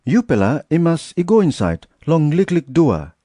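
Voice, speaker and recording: A man with a Papua New Guinean accent reading scripture aloud in a measured storytelling manner. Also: a little high, sing-song, mellow, slightly rough, no room sound, studio quality. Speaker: Bible reader.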